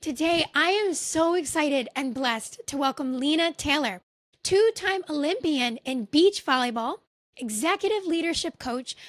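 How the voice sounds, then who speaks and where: A woman's voice: high-pitched, lively intonation, a little slow, a bit bright, no echo, clean studio sound. A woman hosting a podcast, introducing her guest with effusive enthusiasm. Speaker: podcast host.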